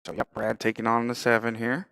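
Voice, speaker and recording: A man's voice: medium pitch, monotone, a little fast, vocal fry, a bit bright, no room sound, poor audio. A man giving casual live play-by-play of a pool match, thinking aloud about shot choices. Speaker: pool commentator.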